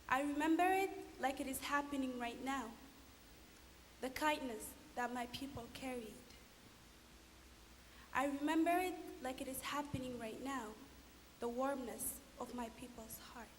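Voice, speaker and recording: A young woman from Sudan speaks to an audience and recites her own poem, heartfelt, slow and deliberate. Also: high voice, a bit bright. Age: young adult. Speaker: chorus member reciting a poem. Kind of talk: poetry recitation. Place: large concert hall. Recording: reverberant hall, faint hiss.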